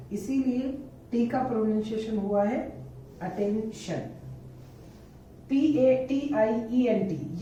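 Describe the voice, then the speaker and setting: A woman teaching English pronunciation to beginners, spelling each word letter by letter and then repeating it slowly. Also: on the high side, dark tone, slight background noise. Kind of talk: beginner phonics lesson. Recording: echoey room, voice from a distance.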